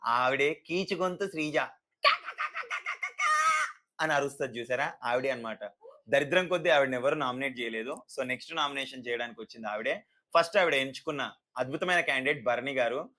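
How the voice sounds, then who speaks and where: A man giving a casual, sarcastic review of a reality show, animated and mocking. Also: medium pitch, brisk. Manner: sarcastic, animated, mimics people.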